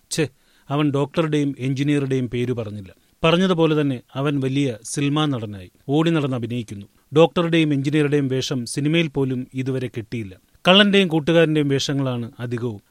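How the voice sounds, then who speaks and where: A man giving a steady, measured read-aloud of a newspaper feature interview. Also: mid-range voice, dry recording, studio quality. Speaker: newspaper article reader.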